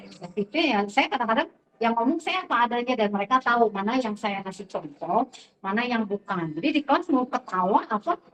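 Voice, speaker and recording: A middle-aged Sundanese woman teacher sharing classroom anecdotes in a lively storytelling way, acting out the dialogue. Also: fairly high pitch, brisk. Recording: distant, dull recording.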